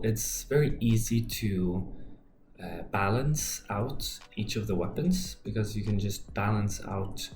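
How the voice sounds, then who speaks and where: A man with a fairly low voice talks slowly through his game design ideas in a casual vlog. He thinks aloud and stops often with fillers. The room is echoey, with faint music behind him. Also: a little mellow. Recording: roomy echo with faint background music.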